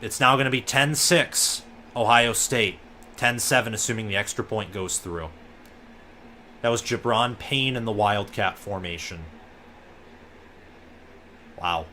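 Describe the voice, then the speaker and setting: A young man casually commenting on a football game as it happens, thinking aloud with relaxed asides. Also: on the low side, measured pace, pauses often, slight background noise. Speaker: live reaction host.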